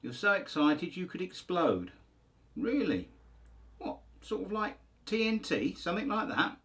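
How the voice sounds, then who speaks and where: Lively, bright-voiced man. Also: sits high, a little slow. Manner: jokey banter, acting out a phone call. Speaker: band host. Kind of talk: casual chat. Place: music room.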